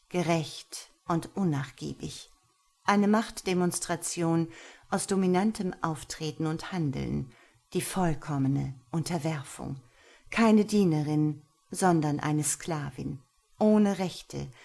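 Low gravelly woman narrating. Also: a little mellow. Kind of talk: audiobook narration.

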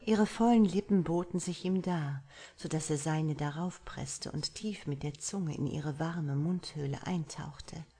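Husky, low-voiced woman reading a romance novel. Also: unhurried, few pauses, dark tone. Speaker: audiobook narrator.

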